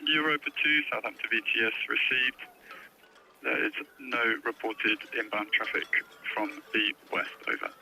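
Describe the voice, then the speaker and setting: Sharp, gravelly man on marine radio. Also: medium pitch, moderate pace, poor audio. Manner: formal, clipped phraseology. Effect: VHF marine radio. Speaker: vessel traffic service radio operator. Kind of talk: procedural marine radio communication. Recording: marine radio with faint noise.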